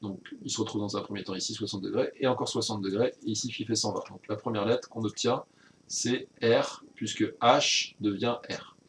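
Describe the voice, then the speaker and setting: A man's voice: fairly low pitch, steady tone, normal speed, a little hiss or hum. A man teaching a recorded virtual class recap, explaining step by step with frequent hesitations and self-corrections.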